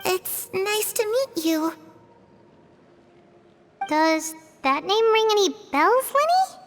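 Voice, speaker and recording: Very high, sweet little girl. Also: expressive, slow, music in the background, heavily acted. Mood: cheerful, welcoming. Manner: bright, gentle, lilting. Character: sweet, cheerful little spirit girl, friendly and serene. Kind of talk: English video game dub acting.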